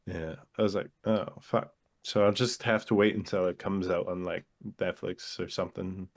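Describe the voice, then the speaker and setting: A man with a somewhat low voice talks casually on a podcast. He breaks ideas down in long, analytical explanations. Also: flat delivery, normal speed. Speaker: podcast co-host. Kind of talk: casual chat.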